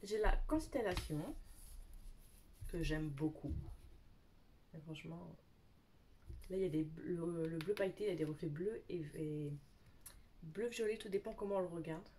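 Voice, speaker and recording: A woman's voice: lowish voice, normal speed, long pauses, mellow, a little hiss or hum. A young adult woman talking casually as a beauty vlogger, chatty and gushing, often repeating words for emphasis. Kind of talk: casual show-and-tell chat.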